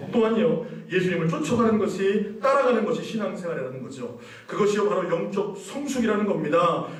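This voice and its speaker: A male pastor preaching a sermon, questioning the congregation and building to emphatic passages. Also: fairly high pitch. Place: church sanctuary. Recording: echoey church hall, mic at a distance.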